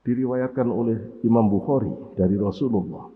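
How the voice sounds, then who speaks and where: A male preacher, giving a morning sermon with dramatic storytelling that swings from loud to hushed. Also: medium pitch, brisk. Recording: tinny lo-fi, long hall reverb.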